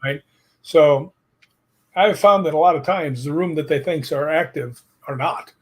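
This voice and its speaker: Husky man telling ghost-hunting stories. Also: fairly high pitch, measured pace. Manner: storytelling, quotes others in lively asides. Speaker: podcast guest. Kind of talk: casual chat.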